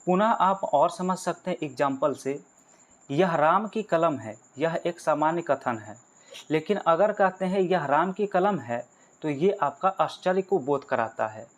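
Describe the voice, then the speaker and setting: A man's voice: fairly high pitch, animated, unhurried. A male teacher giving an exam-prep grammar lesson. He explains step by step, asks and answers his own questions and calls his viewers friends.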